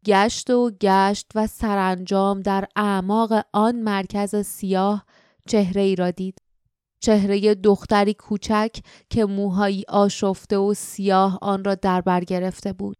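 Smooth-voiced woman narrating an audiobook. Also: medium pitch, no echo, studio quality. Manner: steady, literary storytelling. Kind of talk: scripted narration.

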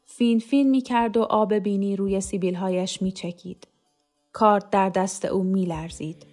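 A woman narrating a novel chapter in a calm, measured storytelling manner. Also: mid-range voice, faint music behind. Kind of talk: scripted narration.

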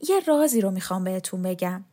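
A woman's voice: medium pitch, animated, mellow, close to an everyday voice. Woman voicing a young girl, anxious and pleading, storybook reading.

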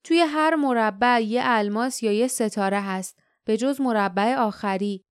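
A woman's voice: a little high, smooth, lightly acted. A woman reading the lines of a grumbling grown man, a former palace guard, in an audiobook. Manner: mutters, thinks aloud. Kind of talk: audiobook character voice.

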